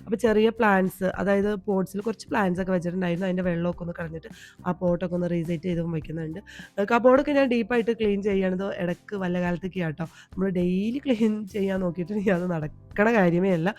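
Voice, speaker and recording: A fast-talking woman with a Malayali accent narrates her home vlog in a chatty, homely way. Her voice is hoarse from a cold and sits low and mellow. Faint music plays behind the voice-over. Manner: chatty, homely, tags sentences with a soft "ട്ടോ". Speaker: vlogger. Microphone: voice-over recorded at home.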